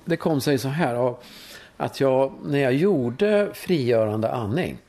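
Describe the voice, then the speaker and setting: A man in his fifties from Sweden, a course leader being interviewed, telling stories in a lively way with frequent tag questions and swearing. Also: mid-range voice. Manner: animated storytelling, frequent "va?" tags, swearing. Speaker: guest, course leader in sexuality and breathwork. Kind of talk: conversational interview.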